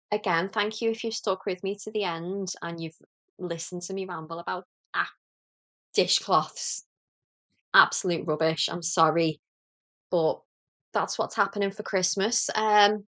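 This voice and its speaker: A woman's voice: medium pitch, fairly bright tone. A woman from Liverpool with a Scouse accent, hosting a knitting podcast in a chatty, rambling, self-deprecating way. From Liverpool, England. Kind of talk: casual chat to camera.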